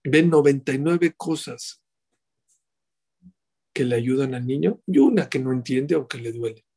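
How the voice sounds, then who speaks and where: A middle-aged man giving a sermon as a rabbi, animated and full of rhetorical questions to his listeners. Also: mid-range voice, unhurried, gravelly.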